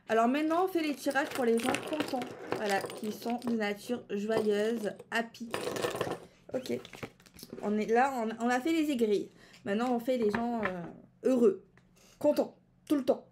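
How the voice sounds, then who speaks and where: A fairly high-voiced woman reads tarot cards in a loose, chatty way. She muses aloud, repeats her phrases and fills pauses with hesitations. A faint hiss sits under the recording. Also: a little mellow. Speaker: tarot card reader. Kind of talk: casual tarot reading to camera.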